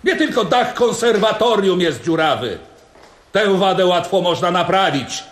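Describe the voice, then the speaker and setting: A bombastic, high-pitched party boss in an echoey hall. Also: male voice, animated, measured pace. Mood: scolding. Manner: declamatory, mocking and repetitive. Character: stern, bombastic male Soviet party official. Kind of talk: radio drama acting. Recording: roomy echo with faint crowd.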